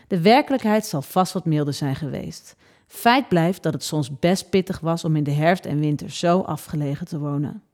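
Woman narrator, scripted book presentation, lively and expressive delivery. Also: on the low side. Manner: expressive storytelling. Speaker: presenter of a reading program.

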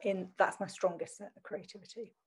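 A woman's voice: mid-range voice, steady tone, a little fast, breathy edge. A middle-aged woman from Essex with an adopted standard English accent and traces of Essex, talking thoughtfully and self-deprecatingly in a conversational interview. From Southend in Essex, England. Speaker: teacher and interview guest.

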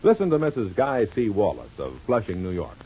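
Old-time radio announcer man, husky and lively. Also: on the low side, a little fast. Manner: eager, salesman-like delivery. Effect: old radio broadcast sound. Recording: muffled old radio transcription with music.

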